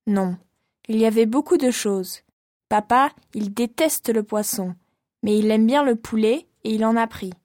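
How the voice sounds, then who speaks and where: A woman's voice: fairly high pitch, unhurried, a little mellow, dry recording, studio quality, lightly acted. A woman playing a chatty young family member in a scripted language-course dialogue.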